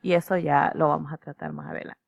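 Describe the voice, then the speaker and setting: A woman teacher, explaining slides in a measured lecture, checking in with her students as she goes. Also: low voice, fairly even intonation, creaky, dry recording, lo-fi sound.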